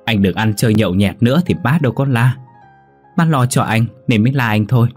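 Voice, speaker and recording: Một người đàn ông giọng khàn, giọng miền Nam, đọc lời một cô em gái hiền lành đang nhỏ nhẹ can ngăn. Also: male voice, mid-range voice, fairly quick, slightly rough, soft background music, pitched above the performer's own voice, natural voice. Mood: pleading. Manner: soft, pleading, soothing. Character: gentle, pleading young sister.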